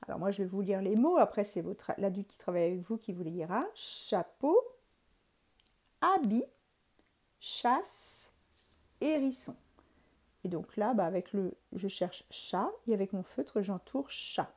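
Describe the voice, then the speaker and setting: A woman's voice: mid-range voice, a little fast, hardly any pauses, dark tone. A French woman teacher giving a recorded lesson to young pupils, patiently spelling out letters and syllables one by one. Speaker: primary school teacher.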